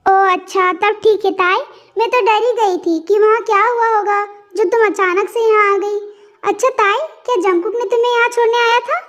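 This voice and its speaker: A woman's voice: very high-pitched, steady tone, moderate pace, fairly bright tone. A woman voicing a caring, protective mother in a fan-dubbed romance story. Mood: doting. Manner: doting. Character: caring middle-aged mother, fussing and protective.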